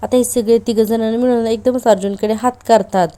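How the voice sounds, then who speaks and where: A woman's voice: fairly high pitch, steady tone, a little fast, mellow. A woman chattily retelling a TV serial episode, with frequent cues to the listener. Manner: chatty, repeats "look now" cues. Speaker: serial recap narrator.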